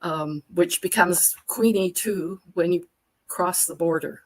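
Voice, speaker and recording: An older woman from Alberta, Canada, appears as a guest and workshop facilitator in a casual conversation on a live video stream, telling her story at length. She's a chatty storyteller who gives long, detailed answers in a lowish voice at a slow pace, though the audio is poor.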